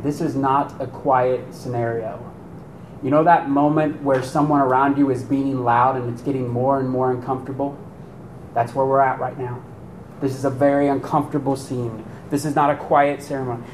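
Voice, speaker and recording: A pastor preaching a sermon to his congregation in a lively, animated way, firing off rhetorical questions. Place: church sanctuary. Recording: echoey room with faint rumble.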